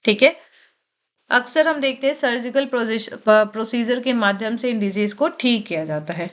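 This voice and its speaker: Woman, teacher, higher voice, exam-prep vocabulary lecture, Hindi mixed with English, repeats key words, asks and answers own questions. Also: normal speed. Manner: mixes Hindi with English terms.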